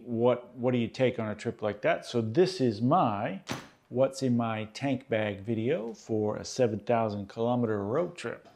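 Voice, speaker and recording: A man in his fifties from Australia, hosting a casual gear vlog and chatting in a relaxed way with lots of "uh"s, recorded at a table in a small room. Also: mid-range voice. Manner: relaxed, chatty, many "uh" fillers. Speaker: host. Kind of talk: casual show-and-tell vlog.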